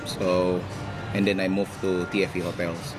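A man who grew up in Malaysia speaks in a somewhat low voice, talking easygoing and a little halting as a head chef. He laughs easily between thoughts. Music plays clearly behind him. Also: level tone. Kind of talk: casual interview chat.

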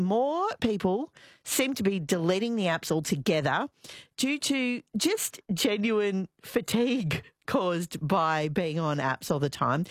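An Australian woman hosting a talkback radio show, chatty and lively, reading out clues slowly and carefully. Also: mid-range voice, no room sound, clean studio sound. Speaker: radio host. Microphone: studio microphone.

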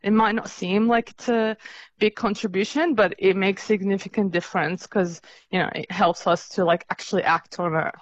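A woman's voice: medium pitch, fairly even intonation, normal speed, dry recording. A young woman from the Middle East speaking in a radio interview, earnest and hesitant with many fillers. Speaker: interview guest, fundraiser organiser. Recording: dull lo-fi sound.

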